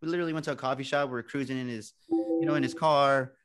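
A man's voice: medium pitch, steady tone, fast, loud music behind the voice. Chatty young man joking with students. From San Antonio, Texas. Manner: chatty, self-joking, acts out quoted people. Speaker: guest speaker, TV reporter. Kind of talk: casual talk to a student audience.

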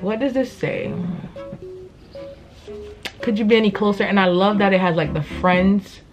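A woman's voice: mid-range voice, unhurried. A young woman vlogging casually to camera while talking through a face mask, chatty and playful with sassy asides. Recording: dull lo-fi sound with music behind.

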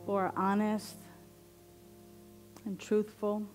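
Slow, even-toned woman leading prayer. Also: medium pitch, over music. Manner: slow, deliberate, meditative phrasing with long pauses. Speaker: minister leading a meditation. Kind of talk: guided affirmative prayer. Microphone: headset microphone.

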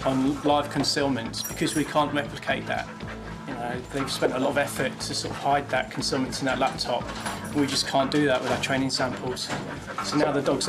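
A man explaining dog training in an interview, hesitant and plain. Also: mid-range voice. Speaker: dog handler officer. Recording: music mixed in behind.

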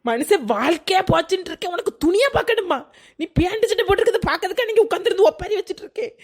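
Woman doing a sobbing cartoon wife, snappish, high voice. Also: expressive, racing. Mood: tearful angry. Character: tearful deserted young wife, sharp-tongued.

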